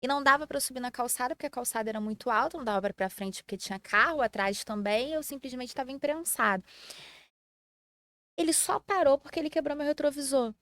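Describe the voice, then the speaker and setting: A Brazilian woman rushes through her story at a brisk clip, her voice sitting a bit high. She sounds like an engaged podcast guest, and the sound is dry and close-miked. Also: dry recording. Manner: fast, animated storyteller. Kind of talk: casual storytelling chat.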